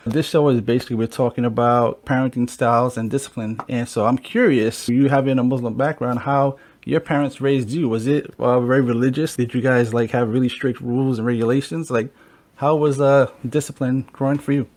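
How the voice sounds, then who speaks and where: A man's voice: medium pitch, steady tone, a little fast, a little mellow. A man hosting a podcast, talking casually, swearing freely and speaking straight to his viewers. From United States. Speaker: podcast host. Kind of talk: casual chat.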